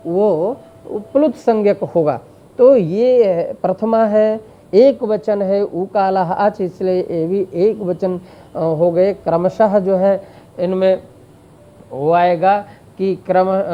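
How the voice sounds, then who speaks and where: Slow, mellow-voiced male Sanskrit teacher. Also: high-pitched, highs cut off. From India. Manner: drawn-out vowel demonstrations with frequent fillers. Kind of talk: slow explanatory lecture.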